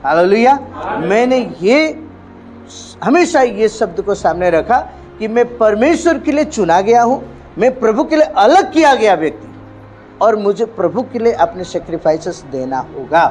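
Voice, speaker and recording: A male pastor from India preaching a sermon emphatically, with frequent hallelujahs and swings between loud and hushed delivery. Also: sits high, lively intonation, moderate pace, faint music behind.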